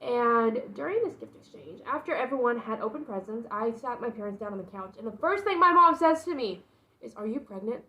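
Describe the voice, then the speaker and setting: A young woman with a fairly high voice shares her pregnancy news in a casual personal vlog. She rambles through the story, breaking off for asides as she talks to her viewers. The recording is slightly dull and lo-fi. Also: lively intonation, fairly quick. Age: young adult. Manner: announcing her pregnancy, recounting it informally. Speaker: vlogger.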